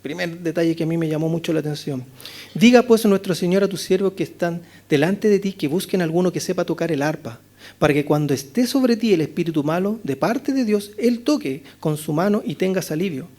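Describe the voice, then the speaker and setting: Chilean male pastor, expository sermon, high voice, rhetorical questions, dynamics from loud to hushed. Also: animated, brisk. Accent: Chilean Spanish. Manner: rhetorical questions, frequent "¿no es cierto?", swings between loud and hushed. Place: church chapel.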